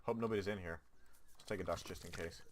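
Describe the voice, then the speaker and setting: A man's voice: low-pitched, quick pace, slight background noise. A man streaming a game, chatting casually and joking, laughing often as he plays. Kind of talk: casual gameplay commentary.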